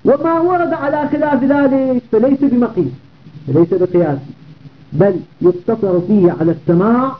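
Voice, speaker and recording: A man giving a classroom grammar lesson, repeating word patterns and asking his listeners rhetorical questions. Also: high-pitched. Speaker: Arabic grammar teacher. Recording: tinny phone-like audio.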